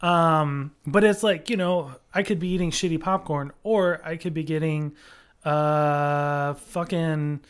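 Podcast co-host, casual chat, heated profane rant, lots of fillers, mid pitch. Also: steady tone, slow pace, clear, resonant tone. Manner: rambling with many fillers.

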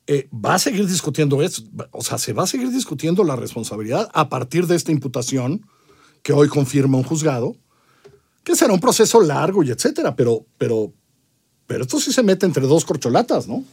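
A Mexican man with a fairly high, husky voice hosts a political discussion. His pitch moves around a lot as he puts questions to his panel and checks for agreement. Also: very animated, brisk, darkish tone. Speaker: panel show host.

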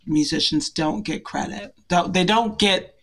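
A woman's voice: fairly low pitch, measured pace. A woman from Portland, Oregon, chatting as an interview guest in a bubbly, giggly, self-deprecating way. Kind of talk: casual interview chat.

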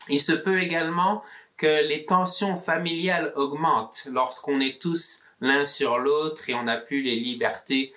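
A male pastor delivers a sermon message with a mixed Belgian and southern French accent. He speaks slowly and carefully, and his tone is bright and forward. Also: mid-range voice.

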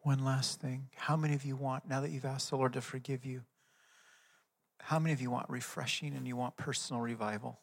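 A man preaching a sermon as pastor, emphatic, swelling loud and dropping to a soft prayer tone, in a hall with long reverb. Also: mid-range voice, steady tone, a little fast, gravelly.

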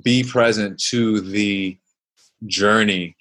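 A man's voice: on the low side, fairly even intonation, takes it slowly, a bit bright. A man answering interview questions in a reflective, searching way, full of fillers and restarts, now and then acting out his own inner voice. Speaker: guest, former basketball player and mindfulness coach.

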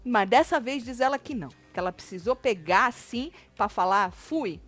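A woman's voice: fairly high pitch, fairly quick, a bit bright, faint music behind. A woman from São hosting a casual gossip chat, teasing and repeating phrases for effect. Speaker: show host.

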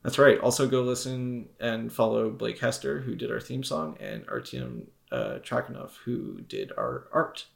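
A man's voice: medium pitch, big pitch swings, a little slow, creaky, hardly any pauses. A man co-hosting a podcast in casual chat, rambling and joking, often trailing off mid-thought. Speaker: podcast co-host.

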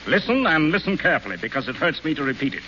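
An actor playing an exasperated, bankrupt wealthy father in a 1930s radio play, gruff and sarcastic. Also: on the high side, sing-song, very fast, bright, forceful tone. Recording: muffled old radio broadcast with faint hiss.

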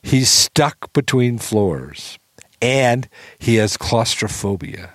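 A man's voice: mid-range voice, slow pace, no echo, studio quality. A man casually telling a long anecdote, acting out quotes and swearing freely. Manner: animated storyteller, acts out quotes, swears freely. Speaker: storytelling guest.

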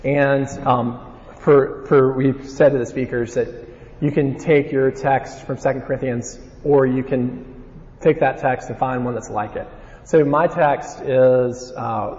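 A man's voice: mid-range voice, darkish tone. A man with an Alabama Southern accent preaching in an informal, folksy way, moving between scripture and personal storytelling. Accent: Alabama Southern American. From Alabama, United States. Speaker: conference preacher. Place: large reverberant room, live talk. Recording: dull sound in a reverberant hall.

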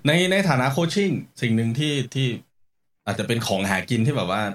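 A man's voice: medium pitch, animated, brisk. A man who coaches runners and hosts a podcast, explaining training ideas in a casual chat and mixing in English sports terms. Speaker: running coach and podcast host.

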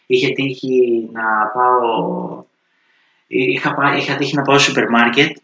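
A man's voice: mid-range voice, flat delivery, bright, forceful tone, lo-fi sound. A man hosting a cooking channel, talking casually to his viewers in a chatty, slangy storytelling way. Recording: roomy echo with faint music.

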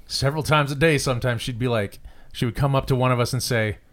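A man's voice: medium pitch, quick pace, a bit bright. A man in his forties co-hosting a podcast in casual chat, telling stories with a dry, sarcastic humor. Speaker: podcast co-host.

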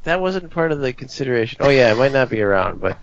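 A man's voice: medium pitch, big pitch swings, fast talker. A man taking part in a casual chat among friends as a podcast panelist. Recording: muffled lo-fi recording.

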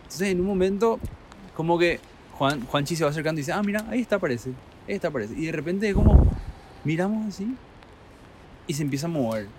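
A man telling a travel story in a casual, animated way, acting out quotes and laughing. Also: on the high side, fast talker, noisy background.

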